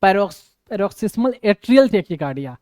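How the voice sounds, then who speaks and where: Emphatic man teaching, smooth dry voice. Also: high-pitched, big pitch swings, a little fast, a little mellow, no echo. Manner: repetitive and emphatic, often checks understanding. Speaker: medical lecturer. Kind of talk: classroom explanation.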